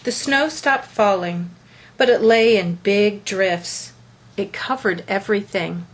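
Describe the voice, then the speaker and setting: With a mid-range voice, a woman reads a picture book for children aloud, delivering the story in a deliberate and expressive way.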